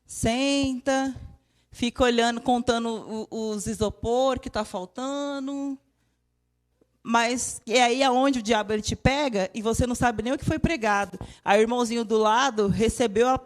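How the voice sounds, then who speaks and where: A young adult Brazilian woman preaching a lively, emotional sermon in a church. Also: fairly high pitch. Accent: Brazilian Portuguese. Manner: lively and emotional, with laughter and mimicked voices.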